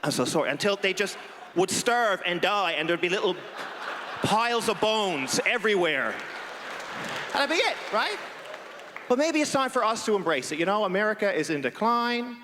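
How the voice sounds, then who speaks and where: Animated high-voiced male stand-up comic. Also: normal speed, big-room sound. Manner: animated, swings between shouting and mock apology. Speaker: stand-up comedian. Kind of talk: stand-up comedy set. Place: comedy festival stage before a live audience. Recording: live show with loud crowd and noise.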